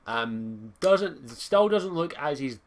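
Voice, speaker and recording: A man's voice: on the high side, animated, takes it slowly. Chatty young man. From Scotland. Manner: chatty, rambling, swears casually. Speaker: gaming video host. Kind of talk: casual trailer commentary.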